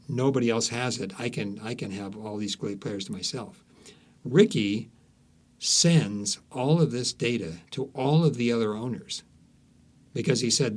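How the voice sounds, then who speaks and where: A man with a mid-range voice is interviewed as an author, telling stories conversationally while he searches for words and repeats some for emphasis.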